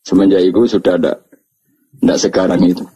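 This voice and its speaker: A man's voice: low voice, fairly even intonation, brisk, dark tone, breathy edge, rough recording. A man with a Javanese accent giving a religious lecture in a chatty, humorous storytelling way. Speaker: preacher.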